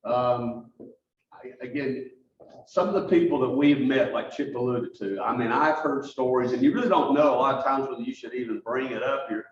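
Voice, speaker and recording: A man giving a halting presentation at a club meeting, telling stories as he goes through slides. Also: medium pitch, a little hiss or hum. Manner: halting, restarts often, storytelling. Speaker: guest speaker for a charity. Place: meeting room. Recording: roomy, distant, dull mic.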